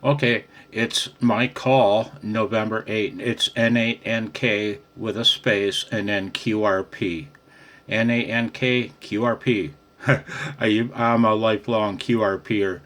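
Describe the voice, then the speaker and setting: This American amateur radio operator takes things slowly in a lowish, slightly bright voice with a steady tone, filming a casual ham radio conversation on a handheld phone for his channel. He's friendly, laughing softly and saying "man" a lot.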